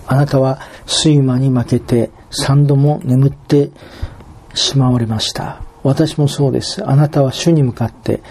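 A man's voice: medium pitch, mellow, husky. A man voicing a repentant old male sinner who pleads humbly and earnestly at heaven's gate.

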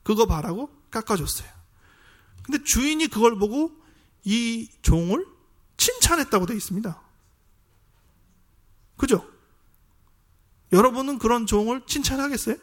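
A man with a notably high voice preaches a sermon. He talks to the congregation in a conversational, explanatory way and keeps putting rhetorical questions to them. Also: animated, a little slow, long pauses. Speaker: pastor.

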